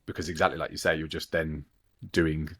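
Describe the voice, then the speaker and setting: A man's voice: rumbling low, little pitch movement, fairly quick, a bit bright, breathy edge. A man co-hosting a podcast, making earnest points in casual chat. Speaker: podcast co-host.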